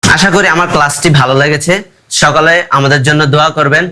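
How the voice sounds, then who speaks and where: A man's voice: fairly high pitch, steady tone, fast, bright, forceful tone. A teenage boy teaching his classmates, explaining step by step and spelling words out letter by letter. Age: teens. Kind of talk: classroom lesson.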